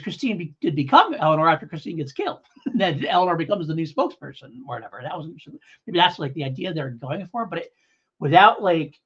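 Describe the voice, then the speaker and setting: A podcast co-host with a mid-range, fairly bright, slightly rough voice thinks out loud during a casual review discussion. The talk hedges and rambles. The audio is dull and lo-fi.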